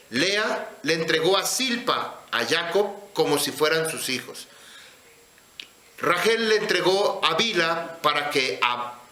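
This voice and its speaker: A man teaching scripture in a sermon, speaking slowly and deliberately and putting questions to his listeners. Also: a little high, bright, forceful tone, echoey room. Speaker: religious teacher.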